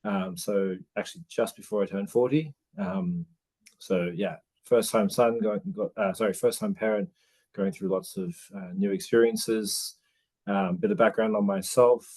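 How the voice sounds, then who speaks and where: A fairly low-pitched, darkish male voice belongs to an Australian new father in his forties. Appearing as a guest in a casual interview, he thinks aloud haltingly, with many restarts and fillers.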